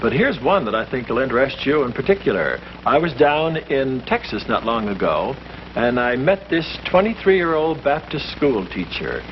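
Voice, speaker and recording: A priest leading a discussion speaks earnestly to a small group, stressing his points in a lively, preacherly way at medium pitch and normal speed. It's scripted speech from a 1951 short film, heard through a muffled old soundtrack with hiss.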